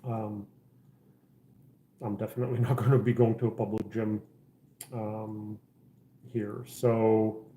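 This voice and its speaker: A man's voice: lowish voice, little pitch movement, takes it slowly, pauses often, warm tone, roomy sound. A middle-aged man from the Czech Republic hosting a casual livestream chat, rambling with lots of fillers and restarts. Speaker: livestream host. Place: house interior.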